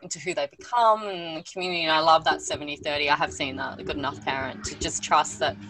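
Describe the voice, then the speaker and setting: A woman with a low-pitched voice hosts a casual interview. She muses informally, thinking aloud. There is faint noise behind her voice. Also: steady tone, fast talker, a bit bright, rough recording. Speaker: interview host. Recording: faint background noise and clicks.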